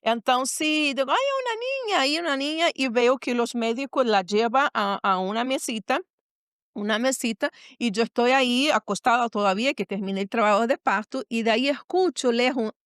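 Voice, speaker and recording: A middle-aged woman tells a personal story in an earnest, searching way, going back over her own phrases. Her voice sits a little high, and the sound is close and dry with no room around it. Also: normal speed, fairly bright tone, clean tone, dry recording. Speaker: guest, pastor and mother. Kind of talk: personal storytelling in a podcast conversation.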